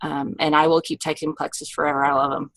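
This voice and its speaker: A woman's voice: low-pitched, flat delivery, quick pace, a bit bright, dry recording. Woman with an Oklahoma accent, close dry sound. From Oklahoma, United States. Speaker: guest giving a product testimonial. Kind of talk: casual personal testimonial.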